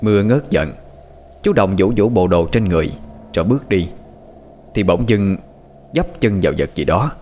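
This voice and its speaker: A man narrating a scripted story in an animated, expressive way. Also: deep voice, moderate pace, pauses often, slight background noise.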